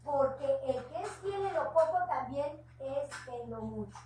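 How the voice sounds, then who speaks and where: Her voice is high, mellow and expressive, a little slow, carrying a Mexican Spanish accent as she preaches casually to a house church. Earnest and chatty, she adds homely asides about her own life, recorded on a distant mic in a reverberant room with background noise.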